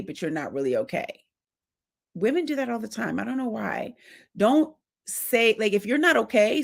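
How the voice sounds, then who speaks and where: Gravelly-voiced woman coaching wives. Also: medium pitch. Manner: direct, animated, acts out little quoted exchanges. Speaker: marriage coach and host. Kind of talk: casual advice talk to women.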